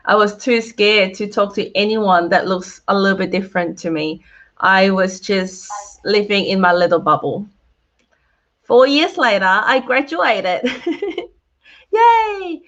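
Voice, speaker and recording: A woman's voice: mid-range voice, fairly bright tone, highs cut off. A woman in her thirties from Hong Kong, giving a cheerful online talk with slides, laughing often and speaking to viewers in the chat. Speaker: guest speaker. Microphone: video call.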